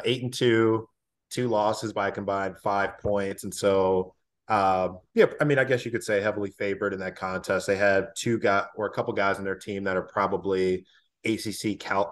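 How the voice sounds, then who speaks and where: A man's voice: on the low side, fairly even intonation, moderate pace. A man, a former college basketball player, talking casually as a podcast guest with many fillers and restarts.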